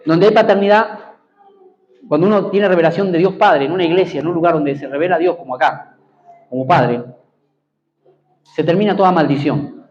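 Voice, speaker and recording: A high-pitched Argentine man preaching to his congregation. He drives his points home by repeating phrases and asking for amens. The recording sounds dull and lo-fi, with a faint hiss underneath. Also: fairly quick, pauses often, a little mellow. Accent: Argentine Spanish. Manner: emphatic, repeats key phrases, calls out for amens. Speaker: pastor. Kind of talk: preaching a sermon.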